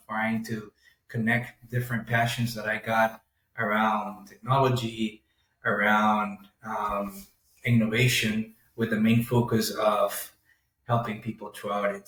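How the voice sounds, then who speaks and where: A young man speaks in a low, fairly monotone voice, measured and pausing often to find his words. He sits some way from the mic, so the room's echo colors every phrase. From Honduras. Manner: measured, pauses with frequent ums. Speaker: podcast guest. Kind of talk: casual interview. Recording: roomy, distant mic.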